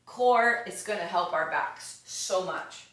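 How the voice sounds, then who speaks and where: Slow-counting woman yoga instructor, echoey room. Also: lowish voice, a bit bright, recorded from a distance. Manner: slow counting cues, upbeat and encouraging. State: has the hiccups. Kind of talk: guided exercise class.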